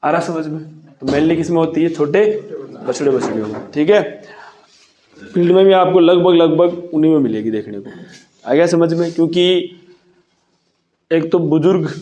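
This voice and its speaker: A man teaching a classroom lecture, dictating notes slowly and repeating each line, then quizzing his students with questions. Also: on the high side, dark tone.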